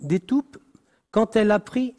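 A man preaching, reading a Bible passage slowly and deliberately, stumbling and correcting himself now and then. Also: high voice, lively intonation, mellow. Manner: slow, deliberate reading with frequent restarts and apologies.

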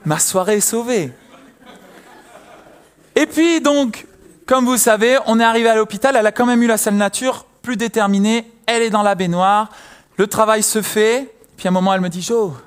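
High-voiced man preaching with lively storytelling. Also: normal speed, clean tone. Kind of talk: sermon with personal story.

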